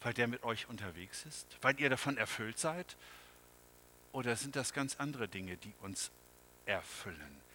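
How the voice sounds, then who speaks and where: A male pastor preaching a sermon, slow and dramatic, swinging from loud phrases to hushed near-whispers. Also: mid-range voice, expressive, a little hiss or hum, rough recording.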